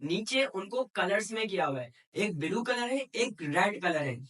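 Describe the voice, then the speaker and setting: A man's voice: sits high, sing-song, a bit bright, far from the mic. A man teaching a tajweed lesson step by step, asking rhetorical questions and answering them himself. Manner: draws out syllables slowly in recitation demos.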